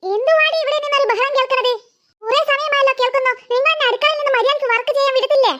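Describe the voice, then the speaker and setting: A woman's voice: very high-pitched, very fast, bright, forceful tone, highs cut off, a little hiss or hum. A woman voicing a harried cartoon mother who scolds her bickering daughters. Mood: scolding. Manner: scolding, exasperated, sighing.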